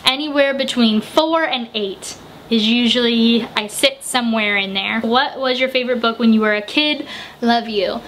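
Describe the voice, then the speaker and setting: A woman in her twenties from the United States, reading out viewer questions and answering them quickly in a casual home vlog. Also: on the high side, fairly bright tone, a little hiss or hum. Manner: chatty, quick answers, reads questions aloud. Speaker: book vlogger. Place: home room with bookshelves, indoors.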